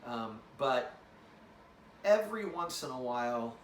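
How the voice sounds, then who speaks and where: A man's voice: mid-range voice, big pitch swings, takes it slowly, slight background noise. A man leading a fellowship, giving an informal, rambling address to an incoming class, with many fillers and restarts. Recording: roomy, distant mic with faint ambience.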